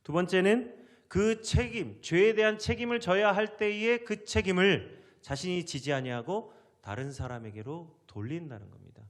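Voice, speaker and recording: A male pastor delivering a sermon, dramatically acting out the biblical figures' words and dropping to hushed asides. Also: high voice, moderate pace. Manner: dramatic, acts out biblical voices with sharp rises and drops to near whisper.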